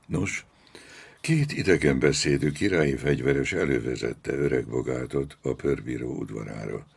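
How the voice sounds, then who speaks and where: Very deep, gravelly male narrator. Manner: slow, measured, dramatic storytelling. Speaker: audiobook narrator. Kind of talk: scripted narration of a novel.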